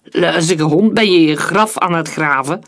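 A storyteller plays a brutal male soldier in a read-aloud story. He barks his scorn in a raised, strained voice. The delivery is loud and rough. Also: medium pitch, unhurried. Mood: scornful brutality. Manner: shouting, scornful.

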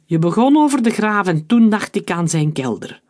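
A man reading aloud puts on a young runaway in a storybook, hoarse and urgent, the voice pushed a little higher than the narration. He is wounded in the shoulder and talks in quick, pressed bursts. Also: sing-song, a little mellow.

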